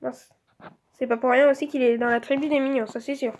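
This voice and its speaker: A woman's voice: high voice, fairly even intonation, brisk, darkish tone, a little hiss or hum. A woman giving casual let's-play commentary, chatty and thinking aloud with lots of filler words.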